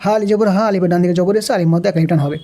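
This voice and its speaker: Mellow-voiced Bangladeshi man teaching recitation. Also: fairly even intonation. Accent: Bangladeshi Bengali. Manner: spells out letters and vowel marks, then chants the words slowly in a higher tone. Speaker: Quran reading teacher. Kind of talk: step-by-step recitation lesson.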